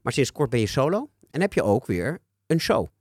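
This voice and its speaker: A man's voice: medium pitch, very animated, normal speed, slightly rough, dry recording, studio quality. A man hosting a conversational interview in a wry, articulate, teasing way. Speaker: interviewer, show host.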